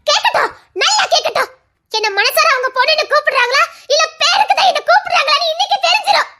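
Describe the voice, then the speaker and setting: Woman voicing a shrill hurt young wife. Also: lively intonation, fast talker, exaggerated voice. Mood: pleading. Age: young adult. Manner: tearful, pleading, rising to shouts. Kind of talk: Tamil audio drama.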